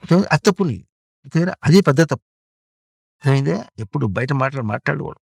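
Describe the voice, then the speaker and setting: A man's voice: on the high side, animated, quick pace, vocal fry, breathy edge, no room sound, clean studio sound. A man giving spiritual instruction to a child, repeating himself and asking questions emphatically. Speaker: spiritual teacher.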